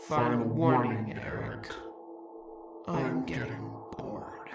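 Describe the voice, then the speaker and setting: A man voicing a mocking, menacing nightmare creature in a horror story, with a dark, low, haunting voice. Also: measured pace. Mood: bored threat. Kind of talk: scripted horror story narration. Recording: echoey, distant voice over clear music.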